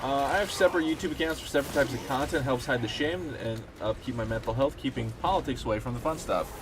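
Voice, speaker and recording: A young man streaming a game chats casually, rambling and swearing with lots of fillers, and he sounds a bit stuffed up. His voice is medium-pitched and fast, against a noisy background.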